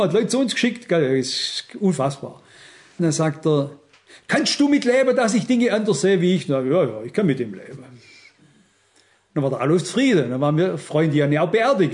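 An older man with a Swabian accent preaches in a loose, conversational way, his voice sitting a bit high. He keeps turning to the congregation and hammers his points home by repeating them. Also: a little mellow. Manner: conversational, emphatic, repeats himself, addresses listeners directly. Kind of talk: informal sermon.

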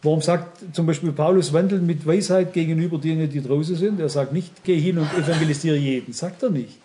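A man's voice: fairly high pitch, a little fast, dark tone, slight background noise. A middle-aged man preaching a sermon, earnest and emphatic, speaking straight to his listeners.

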